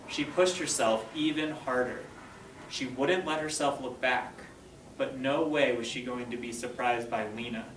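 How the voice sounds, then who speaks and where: In a roomy classroom recorded from a distant mic with faint noise, a male fifth grade teacher reads aloud and walks his elementary students through clear, step-by-step instructions, checking their understanding. His voice is medium-pitched and fairly bright.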